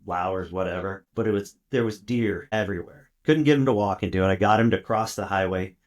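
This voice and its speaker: A man's voice: low-pitched, a little fast. A middle-aged man from South Texas, a podcast guest telling casual, rambling stories with many fillers and restarts. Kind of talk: casual storytelling interview.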